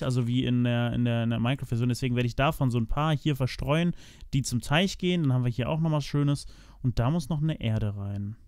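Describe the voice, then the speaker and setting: A chatty man gives casual commentary on his game build as a let's play host, greeting viewers as "meine Freunde" and thinking aloud, often restarting and filling pauses. His voice is medium-pitched and darkish, recorded at studio quality with no echo.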